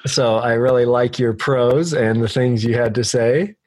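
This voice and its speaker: A man's voice: medium pitch, fairly even intonation, measured pace, darkish tone, no echo. Laid-back American man hosting a podcast. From Oregon, USA. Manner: laid-back, rambling with fillers. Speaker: podcast host. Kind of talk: casual interview chat. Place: bedroom at home. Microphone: video call.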